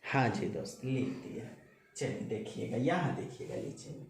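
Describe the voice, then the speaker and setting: A man's voice: mid-range voice, animated, moderate pace, gravelly. A male teacher, giving a playful, chatty exam-prep grammar lesson and drawing out repeated words. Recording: very echoey room, voice from a distance.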